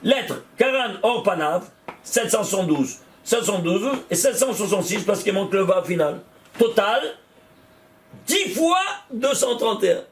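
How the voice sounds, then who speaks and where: A man teaching a Kabbalah study class, animated, repeating numbers out loud and exclaiming in wonder as he questions his students. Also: high-pitched, moderate pace, slight background noise. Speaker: Torah teacher.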